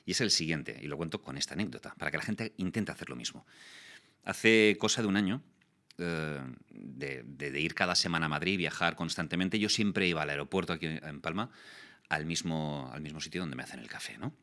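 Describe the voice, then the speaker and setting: Guesting on a casual interview, this voice actor and communication coach in his forties explains things in a lively manner. He brings his stories to life by voicing the people in them, speaking briskly in a very deep voice.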